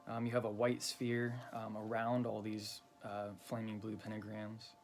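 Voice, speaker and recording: A man explaining a ritual step by step in a loose, halting way, with many ums and you-knows. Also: on the low side, monotone, soft background music. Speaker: occult teacher. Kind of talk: casual explanatory lesson.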